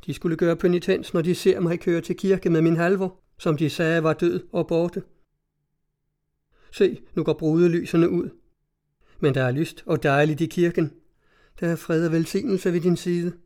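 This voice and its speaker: A man's voice: fairly high pitch, steady tone, darkish tone, natural voice. A man reading aloud, voicing a distraught young woman who rambles frantically, wild with grief. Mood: rapt, urgent. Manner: lamenting, frantic.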